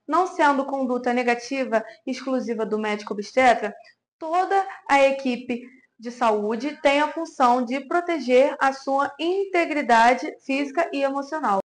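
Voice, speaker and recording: A woman's voice: high voice, moderate pace. A woman reading an informative scripted narration aloud.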